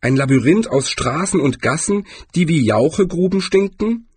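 A sardonic little shopkeeper with a high, bouncy voice, put on by a male narrator. He sounds breezy and unbothered, his tone hopping up and down, with a husky edge. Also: lively intonation, normal speed, no echo. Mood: wry.

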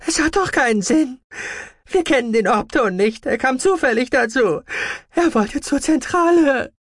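A man's voice: extremely high pitch, lively intonation, unhurried, no echo, clean studio sound, voice pushed up, full character voice. A man reading an audiobook, voicing a defiant young female technician who speaks urgently and insistently. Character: defiant young woman technician, stubbornly cooperating. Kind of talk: audiobook character voice.

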